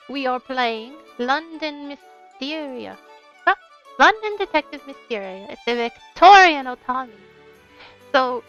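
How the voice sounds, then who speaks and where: High-pitched and a bit bright, this woman's voice has its highs cut off. She's a playful, bubbly streamer mixing casual livestream chatter with read-aloud game narration over game music.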